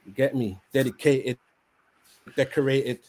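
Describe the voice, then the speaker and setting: A man's voice: medium pitch, a little slow, darkish tone. A man with a London roadman accent hosting a casual football chat, full of street slang and repeated tag questions. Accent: London roadman, Multicultural London English. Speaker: podcast host.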